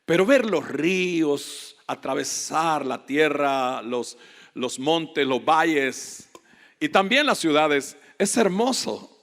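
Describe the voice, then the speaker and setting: A man preaching a fervent sermon as a guest pastor, rising to loud emphatic peaks. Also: mid-range voice. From Latin America. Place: church hall. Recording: echoey church hall reverb.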